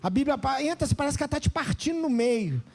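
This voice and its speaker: Male pastor, Brazilian accent, very high voice, lively sermon delivery that calls out to the audience. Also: fast. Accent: Brazilian Portuguese. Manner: animated preaching, calls out to the congregation.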